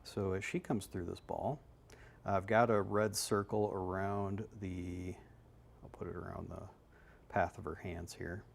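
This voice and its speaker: A man's voice: low voice, level tone, measured pace, gravelly, a little hiss or hum. A man working as a golf instructor, explaining swings in a loose, conversational way on a live analysis show.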